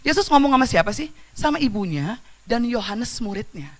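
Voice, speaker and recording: A woman preaching a sermon in church, casual and lively, swinging between loud exclamations and quiet storytelling, with slang and questions to the congregation. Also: fairly high pitch, moderate pace.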